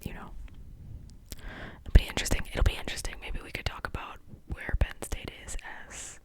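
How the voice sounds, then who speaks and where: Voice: fairly quick, low-quality recording. A host with a Midwestern American accent, giving whispered ASMR sports talk up close to the mic, rambling with many ums and restarts.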